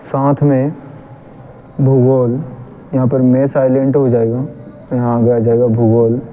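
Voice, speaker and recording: A man's voice: medium pitch, flat delivery, measured pace, narrow, tinny audio, slight background noise. A man with a Hindi accent teaching chemistry, patiently repeating a memory trick and correcting his own slips.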